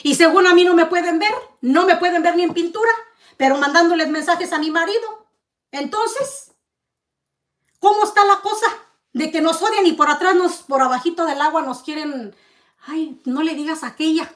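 A woman vlogger, ranting at the camera in a heated, accusing way and firing off rhetorical questions. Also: high voice. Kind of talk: heated confrontational rant to camera.

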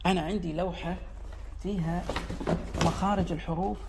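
A man with a Gulf Arabic accent giving an explanatory lesson on dialects, repeating sounds slowly to demonstrate them and sketching a diagram as he explains. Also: high-pitched, fairly even intonation, gravelly, big-room sound, very noisy. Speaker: dialect linguistics teacher.

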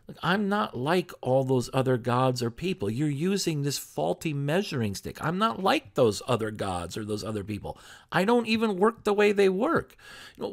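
A man's voice: a little high, creaky. A man pastor giving a sermon in a conversational preaching style, full of rhetorical questions.

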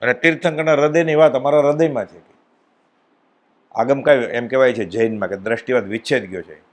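A man giving a devotional discourse at a spiritual gathering, telling stories and acting out the dialogue with sudden rises and drops in his voice. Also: fairly quick. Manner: animated storytelling, acts out dialogue with swings in pitch and loudness. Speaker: spiritual speaker at a satsang.

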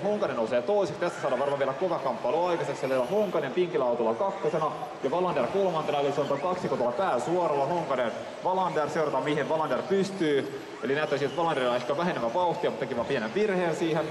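A man giving steady live play-by-play of a model car race, reading out positions as the cars go round. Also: fairly high pitch. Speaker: race commentator. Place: large indoor exhibition hall at a model car race. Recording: echoey hall, noisy PA sound.

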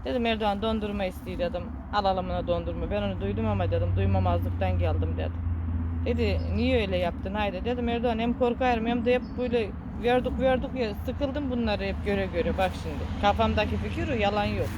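A woman with a Trabzon Turkish accent tells a personal story in an earnest, regretful tone, repeating herself and using local dialect words. Faint street and traffic noise sit behind her voice outdoors. Her pitch sits in a middle range for a woman. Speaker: vlogger.

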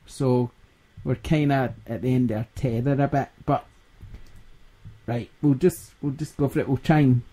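A man's voice: mid-range voice, fairly even intonation, normal speed, warm tone. A Scottish man hosting a gaming podcast in casual chat, laughing often and rambling. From Scotland. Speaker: podcast host.

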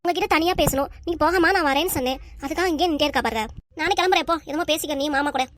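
A woman's voice: sits high, very fast, fairly bright tone, no room sound. A woman doing a sweet young cartoon lover. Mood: eager. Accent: Tamil, southern Tamil Nadu.

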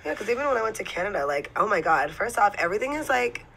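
Brief: young LA woman, bright chatty storyteller who acts out every quote. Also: mid-range voice, fast talker, gravelly, slight background noise, poor audio. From Los Angeles. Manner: animated storyteller, acts out quotes, says "like" a lot; straight to the point. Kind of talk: casual chat.

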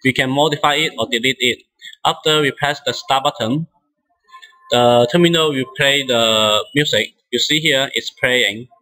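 On a rough recording, a non-native English-speaking instructor walks through software one step at a time. He halts often and starts his sentences over, his middling-pitched voice sounding bright and forward.

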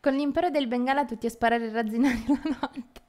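A young woman streamer chatting casually while playing a strategy game, playful and quick to laugh as she reads the chat. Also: a little high, steady tone, darkish tone. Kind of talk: casual live game commentary.

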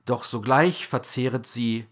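A man narrating a children's verse tale with expressive storybook reading, calling out the sound words loudly and dramatically. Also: medium pitch, a little slow.

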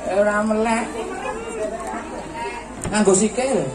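A male co-host with a Javanese accent banters jokingly in a fairly high voice. He sounds distant and echoey over an outdoor PA, with a noisy crowd around him. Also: fairly even intonation, takes it slowly. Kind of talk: casual bantering stage announcing. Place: outdoor stage at a community event.

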